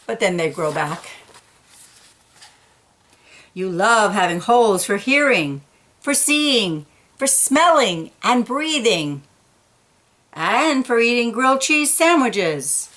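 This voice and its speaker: Reading a children's picture book aloud, this woman's voice sits on the high side. She's expressive and unhurried, playfully stressing the important words.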